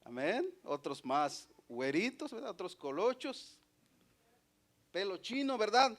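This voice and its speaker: A man preaching a Pentecostal sermon in church, swinging between loud swells and soft drops and tagging his lines with questions and amens. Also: high-pitched, sing-song, unhurried. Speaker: pastor.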